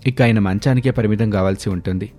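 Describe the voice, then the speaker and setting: A man voicing a calm, matter-of-fact middle-aged doctor. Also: on the low side, fast, soft background music, natural voice. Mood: grave.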